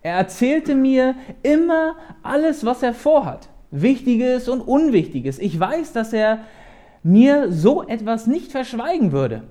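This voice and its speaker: A man's voice: on the high side, normal speed, few pauses, close to an everyday voice. A man reading as loyal, protesting Jonathan. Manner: insistent, protesting.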